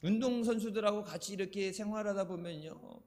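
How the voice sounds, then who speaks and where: A man's voice: high voice, a little fast, darkish tone. An older man from Chungcheong preaching a sermon, telling chatty anecdotes and laughing at his own stories. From Chungcheong, Korea. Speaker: pastor. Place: church sanctuary. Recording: echoey church hall reverb.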